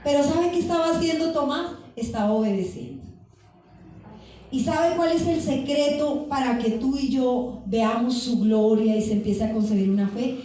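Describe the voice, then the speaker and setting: A woman's voice: high-pitched, normal speed, warm tone. A woman preacher giving a fervent sermon, speaking directly to her congregation in a church. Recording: echoey hall from far off.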